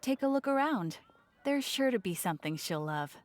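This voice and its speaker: A woman voices a friendly, chatty souvenir shopkeeper in a video game, delivering a chirpy sales patter in a helpful, musing mood. Her voice has a fairly high pitch and lively intonation at a moderate pace, close to an everyday voice, with slight background noise.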